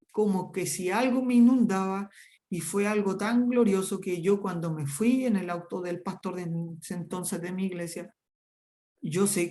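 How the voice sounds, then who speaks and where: A man's voice: high-pitched, mellow. A man teaching a Bible lesson and sharing a personal testimony, earnest and emphatic, often repeating words in long runs.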